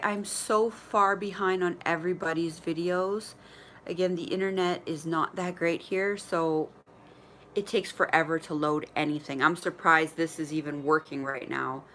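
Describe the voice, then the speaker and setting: A woman's voice: sits low, fairly bright tone, slight background noise. A woman in her forties chatting candidly on a livestream from her mother's apartment, often laughing and sometimes talking while eating. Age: 40s. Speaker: vlogger livestreaming to followers. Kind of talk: casual livestream chat.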